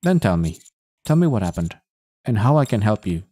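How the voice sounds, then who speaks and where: Casting: a man as a composed commander calming someone down, in a low, mellow voice. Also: brisk, no echo. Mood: reassuring. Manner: steady, reassuring. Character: calm, reassuring male commander.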